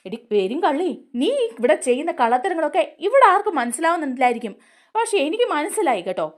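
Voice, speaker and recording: A heated young man hurls accusations at a woman in a serial retelling, voiced by a woman narrator. His voice sits high and swings widely, and he sounds worked up and insistent. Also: big pitch swings, quick pace. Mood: accusing.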